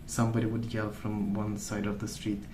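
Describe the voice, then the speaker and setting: Speaking in a soft, lowish monotone, this young ASMR creator rambles on gently and without hurry, seemingly thinking aloud. Echo fills the space around him, with noticeable background noise.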